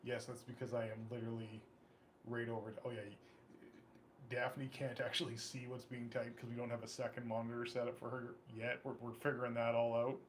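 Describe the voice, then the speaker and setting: Fast-talking joking man off to the side. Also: medium pitch, monotone, a little hiss or hum. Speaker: co-host relaying chat messages. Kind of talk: casual chat. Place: home studio.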